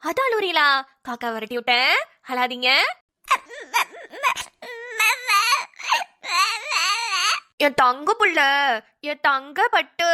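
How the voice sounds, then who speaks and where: A woman voicing a blunt, scolding elderly village mother in a cartoon, who talks in a loud, dramatic, nagging way. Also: extremely high pitch, exaggerated voice. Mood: doting. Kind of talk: cartoon voice acting.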